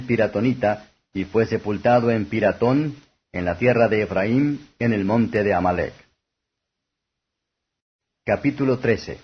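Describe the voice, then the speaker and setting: A man reading scripture aloud as formal, scripted audiobook narration, with a husky voice. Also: on the low side. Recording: dull lo-fi audio.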